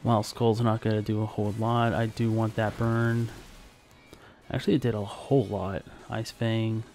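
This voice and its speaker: A man's voice: lowish voice, little pitch movement, moderate pace, a little mellow. Chatty man narrating his gameplay. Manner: chatty, talks to the game and his creatures. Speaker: gaming YouTuber. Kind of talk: casual Let's Play commentary. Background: faint game music.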